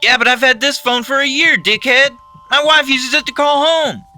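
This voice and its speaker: A man doing a shrill, furious male coworker. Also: steady tone, moderate pace, exaggerated voice. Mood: whining. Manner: shrill, yelling, whiny. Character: paranoid irritable male coworker on phone.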